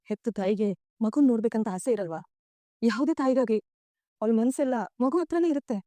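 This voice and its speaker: An actress playing a sorrowful, tender middle-aged mother in a TV serial, speaking softly and pleadingly. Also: on the high side, expressive, a little fast, no room sound, close to an everyday voice. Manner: soft, pleading, tearful at times. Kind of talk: TV serial acting.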